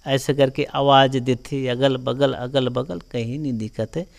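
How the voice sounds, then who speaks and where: A man with a Chhattisgarhi accent telling a local folk legend in a casual, animated way, often filling with "jo hai na". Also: medium pitch, unhurried, gravelly. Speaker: storyteller guest.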